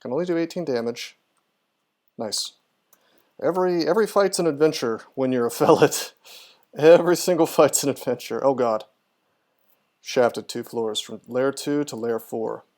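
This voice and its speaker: This is casual live gameplay commentary from a male streamer who talks through his moves and responds to chat. His mid-range voice has a darkish tone, and he keeps a normal speed while pausing frequently.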